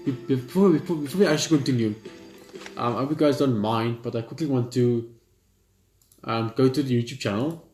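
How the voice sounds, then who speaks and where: Soft background music plays in an echoey room as a man with a mid-range, slightly mellow voice talks a little fast. He's a gaming channel host reading a visual novel aloud and chatting between passages, casually stumbling and dropping an offhand swear here and there.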